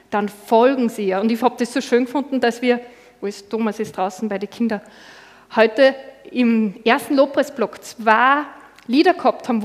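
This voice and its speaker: A woman with an Austrian accent preaching a sermon in a church hall, personal and conversational, often saying "genau". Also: fairly high pitch.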